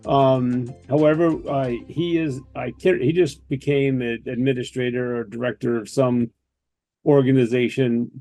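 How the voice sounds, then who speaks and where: Male webinar host, mellow voice, loose and rambling. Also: mid-range voice. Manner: loose, rambling, many fillers. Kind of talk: casual online webinar hosting.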